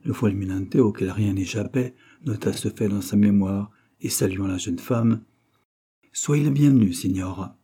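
A man reading an old adventure novel as audiobook narration, measured and steady. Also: fairly low pitch, slightly rough. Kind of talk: scripted narration.

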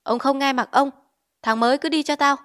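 A woman voicing a hot-tempered middle-aged village chief who shouts orders in an audiobook. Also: high voice, fairly even intonation, fairly quick, pitched above the performer's own voice. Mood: angry shouting. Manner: shouting, bossy.

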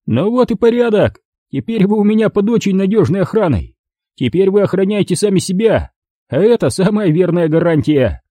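A man's voice: high voice, big pitch swings, normal speed, dark tone, no echo, voice pushed up. Man voicing a sneering young thug. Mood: gloating. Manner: rough, sneering commands. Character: young male thug, coarse, mocking and menacing.

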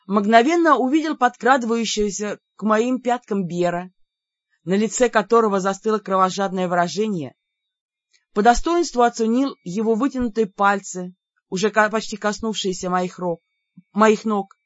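A woman reads a fantasy novel aloud in the first person, telling the story in a lively way. The recording is dull and lo-fi with a dry, close sound. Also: medium pitch, moderate pace, dry recording. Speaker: audiobook narrator. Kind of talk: first-person fiction narration.

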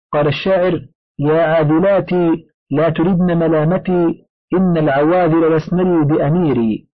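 A man reading a classical grammar book aloud as an audiobook, in a steady formal recitation that includes its footnotes. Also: on the high side, no echo. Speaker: audiobook reader. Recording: dry, dull lo-fi recording.

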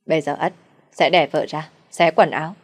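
A woman's voice: deep voice, steady tone, normal speed. A woman voicing a simple-minded, brutish young man who talks like a child. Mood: childlike, loud. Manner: childlike, calls himself by name.

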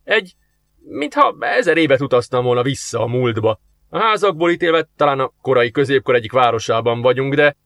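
A man's voice: medium pitch, lively intonation, a bit bright, no room sound. Guy doing a smug sarcastic demon dude for an audiobook, dry close sound. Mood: irritated. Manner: mocking, sarcastic. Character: sardonic cocky male demon in human guise.

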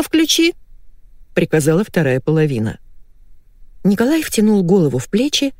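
A woman reads a comic story aloud in a low, lively voice with an ironic edge. The recording is close and dry, with no room sound. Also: no echo. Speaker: audiobook narrator. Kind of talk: scripted narration.

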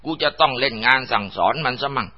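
A man's voice: medium pitch, quick pace, voice pushed up, lightly acted. A man voicing the spiteful, threatening ghost of a dead village man in a told ghost story. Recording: dull lo-fi recording.

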